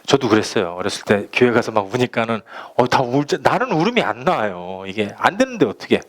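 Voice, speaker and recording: A man preaching a sermon as pastor, speaking slowly and emphatically, and acting out little stories for his listeners. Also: medium pitch, sing-song. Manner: emphatic preaching, slow deliberate phrasing, acting out anecdotes.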